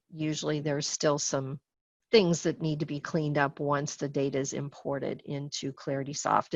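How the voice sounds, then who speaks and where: A woman guides viewers through software steps in a patient, unhurried way, pausing often with small fillers. Her voice sits fairly low, and the sound is dry and a little dull, like webinar audio. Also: creaky, no room sound. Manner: patient, step-by-step with frequent fillers. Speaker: software trainer. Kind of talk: screen-share webinar tutorial.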